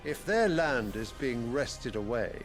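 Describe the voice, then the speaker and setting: An actor playing a stern, imperious emperor with a haughty, oratorical manner in a fantasy video game. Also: male voice, medium pitch, big pitch swings, slow. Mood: indignant, commanding. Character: stern, imperious emperor scolding his councillors. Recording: game audio under clear music.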